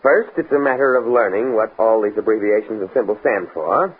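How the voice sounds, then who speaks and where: An actor playing an earnest, stuffy young academic in an American radio drama, speaking precisely and pedantically with an American accent. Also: male voice, lowish voice, fairly quick, slightly rough, phone-quality sound. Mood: confident. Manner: precise, bookish, stammers when flustered. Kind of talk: mid-century American radio drama acting. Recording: scratchy, band-limited old radio recording with noise.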